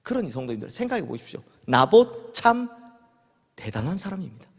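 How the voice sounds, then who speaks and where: Animated Korean pastor in a reverberant church. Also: male voice, a little high, a little fast, husky. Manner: animated storytelling, acting out quoted voices. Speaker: senior pastor. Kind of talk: sermon. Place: church sanctuary. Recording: long church hall reverb.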